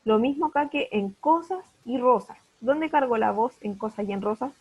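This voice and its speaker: A woman's voice: on the high side, lively intonation, normal speed, a little mellow, breathy edge, highs cut off. A woman teaching an online primary school class, patiently checking understanding with repeated questions. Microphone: video call.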